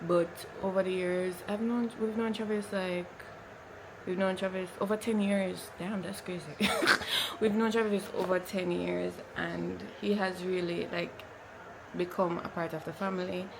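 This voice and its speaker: A woman's voice: fairly low pitch, level tone, unhurried, creaky, noisy background. A woman with a Jamaican accent chatting casually as a lifestyle vlogger, informal and slipping into Patois. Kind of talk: casual chatty vlog talk.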